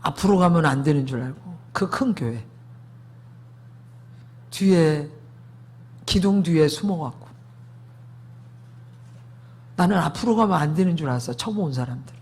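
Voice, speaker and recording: A man's voice: fairly high pitch, expressive, normal speed, pauses often, darkish tone, husky. A man preaching a sermon testimony, emphatic, asking the congregation rhetorical questions.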